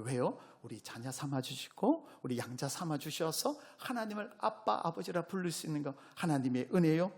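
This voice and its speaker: A male pastor with a Gyeongsang accent preaching a sermon, questioning his congregation and rising to loud exclamations. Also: a little high, gravelly, breathy edge. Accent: Gyeongsang Korean. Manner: call-and-response preaching, asks the congregation questions.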